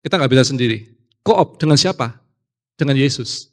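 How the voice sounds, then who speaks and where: A man preaching a casual youth sermon, animated, acting out quoted voices and slipping in English phrases. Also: medium pitch, normal speed.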